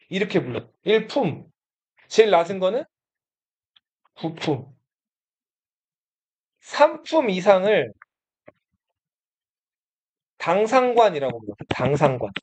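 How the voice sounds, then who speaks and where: A man teaching a history class speaks in a casual, blunt way, posing questions to the students and then answering them himself. His high-pitched voice is very animated, a little slow and a little mellow, with frequent pauses.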